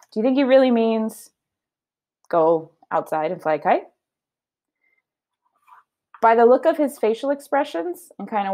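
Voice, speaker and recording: An elementary school teacher with a mid-range voice leads a children's read-aloud lesson. She explains her thinking in an expressive, conversational way.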